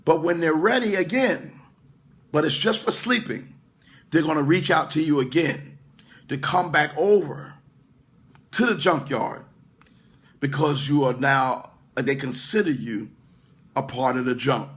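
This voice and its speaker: Streaming from an indoor room that isn't his usual spot, a middle-aged pastor delivers a conversational sermon full of restarts and asides, addressing viewers in the comments. His voice is a little high, a bit bright and slightly slow, with long pauses.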